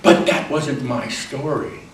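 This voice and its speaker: Male guest lecturer, animated and emphatic, caught from a distance in a roomy classroom with faint background hum. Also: medium pitch, takes it slowly. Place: college classroom. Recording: roomy classroom recorded from far off, faint ambience.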